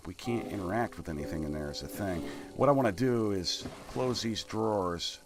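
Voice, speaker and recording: A man's voice: deep voice, normal speed. A man with a slushy lisp on his s sounds giving casual, jokey video game commentary, muttering asides and reading notes aloud.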